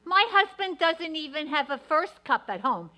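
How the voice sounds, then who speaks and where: A catty small-town housewife, played by a woman, gossips in a very high, bright voice. Her dramatic delivery swings widely in pitch, as in a comic radio play. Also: big pitch swings, moderate pace, exaggerated voice. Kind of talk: comic radio melodrama acting.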